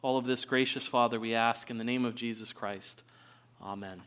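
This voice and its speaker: An earnest male pastor preaching at a pulpit microphone in a church sanctuary. He leads prayer and reads scripture at a measured pace, filling pauses with an occasional "uh" as he sets up his text. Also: medium pitch, steady tone, a bit bright, slight background noise. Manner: earnest, measured delivery with frequent "uh" fillers. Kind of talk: sermon with opening prayer and scripture reading.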